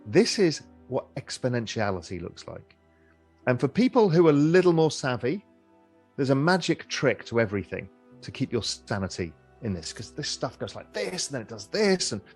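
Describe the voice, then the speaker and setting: A middle-aged man speaks as an interview guest at a medium pitch, his voice swinging up and down in lively, animated contours. He talks conversationally, repeating and restarting phrases as he thinks aloud. Faint music plays softly behind him.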